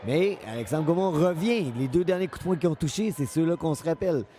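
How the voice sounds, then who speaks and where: Dark-voiced Quebec man calling boxing. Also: fairly high pitch, expressive, a little fast. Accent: Quebec French. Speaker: boxing commentator, analyst. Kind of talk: live unscripted fight commentary.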